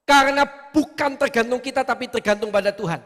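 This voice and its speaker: A male pastor preaching a sermon in a church, animated and full of rhetorical questions. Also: very high-pitched, fairly quick, in a large hall. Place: church hall.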